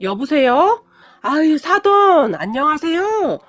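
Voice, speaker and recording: Brief: a hot-tempered, cunning middle-aged mother, voiced by a female narrator, blunt and commanding, with lively pitch swings. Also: normal speed, faint music behind. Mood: fake-sweet.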